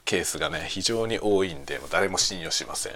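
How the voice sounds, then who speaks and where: A man's voice: low voice, fast talker, very noisy. A man chatting casually and venting in a blunt, grumbling way, often breaking into chuckles. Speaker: streamer chatting on a lunch break. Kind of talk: casual chat, venting about work.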